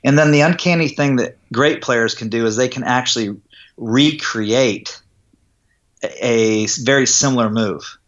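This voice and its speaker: A man's voice: mid-range voice, unhurried, a bit bright, highs cut off. Man explaining golf putting instruction. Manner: explanatory, checks in with "does that make sense". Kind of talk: interview conversation.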